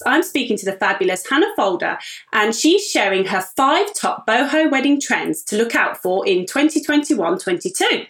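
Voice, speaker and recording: A British-accented woman hosting a podcast, moving from scripted introduction to interview questions in an upbeat, encouraging way. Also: fairly high pitch. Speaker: podcast host.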